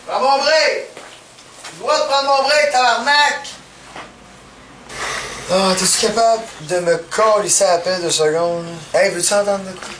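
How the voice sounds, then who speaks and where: A man with a Quebec French accent playing a loud, pushy character named Pizza who hawks pizza. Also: steady tone, moderate pace, few pauses, distant mic, natural voice. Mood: irritated. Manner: shouty, wheedling, high-strung. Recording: very echoey room with noise.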